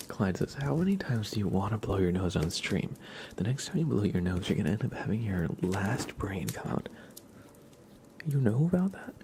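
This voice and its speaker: Close to the microphone, a man hosts an ASMR livestream, chatting with viewers in a whispery, congested voice full of teasing, playful banter. His pitch sits fairly low, his delivery is very animated at a normal speed, and there's noise in the background.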